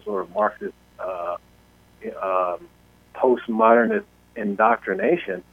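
A man co-hosting a talk show, talking in an emphatic, halting way full of fillers and swearing. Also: medium pitch, creaky, no room sound, phone-quality sound. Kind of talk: casual profane talk show discussion.

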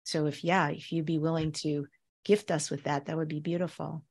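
A woman with a somewhat low voice hosts a podcast interview. She speaks in a conversational way to her guest. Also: flat delivery, normal speed, a little mellow. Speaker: podcast host.

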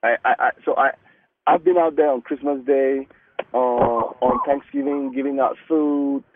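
A Cameroonian man whose native language is Mungaka speaks as an interview guest in casual conversation, his voice medium-pitched and steady. He sounds earnest but halting, frequently restarting his sentences. The audio is dry and tinny, like a phone line.

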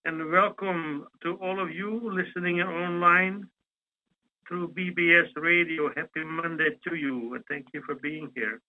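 A man's voice: a little high, steady tone, unhurried, narrow, tinny audio. A man hosting a live conference call, greeting callers as they join. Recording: faint background noise on call.

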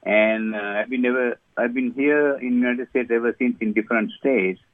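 An older man from Sri Lanka, a surgeon, answering interview questions haltingly with many fillers. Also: mid-range voice, fairly even intonation, no echo. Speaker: guest surgeon. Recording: tinny phone line.

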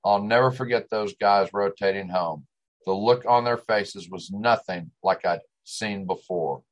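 Low West Texas twang, male storyteller. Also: a little slow, rough recording. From West Texas, United States. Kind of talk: scripted first-person dramatic monologue.

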